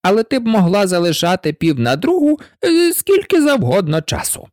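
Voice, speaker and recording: A reader voicing an eccentric, mournful male hatter in a storybook, rambling and excitable, with frequent hesitations. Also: medium pitch, moderate pace, dry recording, studio quality, voice pushed up, natural voice. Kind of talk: storybook reading.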